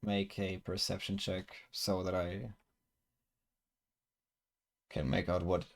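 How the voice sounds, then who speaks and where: As game master of a tabletop game, a man slowly describes scenes, hunting for words with lots of fillers and restarts. His voice sits low and is gravelly, with a level tone.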